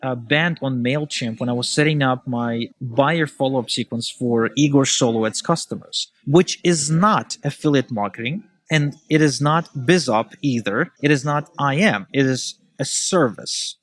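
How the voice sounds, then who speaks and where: A man, speaking as a guest in a relaxed podcast chat. He is animated and opinionated, with a mid-range voice that rushes ahead in quick bursts and then slows down again. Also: medium pitch, no echo. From Ukraine. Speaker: podcast guest, email marketer. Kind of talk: casual podcast conversation.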